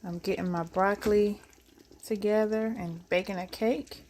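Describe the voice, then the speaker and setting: A woman's voice: medium pitch, fairly even intonation, measured pace. Chatty woman cooking in a noisy kitchen. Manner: chatty, keeps calling viewers y'all. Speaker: cooking vlogger. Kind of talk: casual cooking demonstration. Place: home kitchen.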